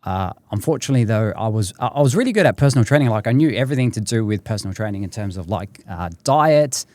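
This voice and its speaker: Animated lower-voiced male podcast guest. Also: fast talker, no echo, clean studio sound. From Tunisia. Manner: animated storyteller, often says "literally" and "uh". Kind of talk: storytelling in casual conversation.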